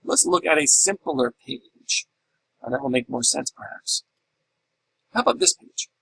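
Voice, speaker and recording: A man's voice: mid-range voice, very animated, measured pace, creaky, pushed and bright, husky, rough recording. A middle-aged man teaching a class in a recorded lecture, explaining step by step and asking and answering his own questions. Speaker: instructor.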